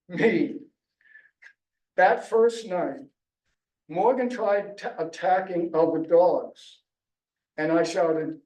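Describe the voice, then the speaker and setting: A male author reads his memoir aloud at a library book launch, telling it in a wry, chuckling storytelling manner. His voice sits high with a darkish tone and cut-off highs, captured by a distant mic in an echoey event room.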